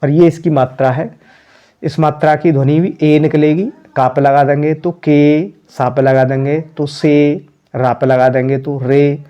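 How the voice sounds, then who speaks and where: A man teaching a beginner class, sounding out each letter slowly and patiently. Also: a little high, fairly even intonation, clear, resonant tone, muffled recording. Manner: slow, drawn-out sounding of letters.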